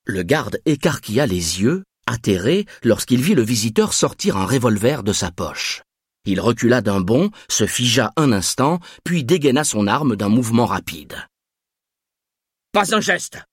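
A man reading a thriller aloud as narrator, with measured, expressive storytelling. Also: mid-range voice, slightly rough, no echo, clean studio sound.

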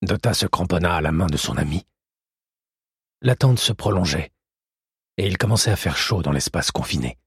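Low husky guy narrating an audiobook, steady and calm, dry close recording. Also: dry recording. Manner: steady measured storytelling. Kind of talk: scripted narration.

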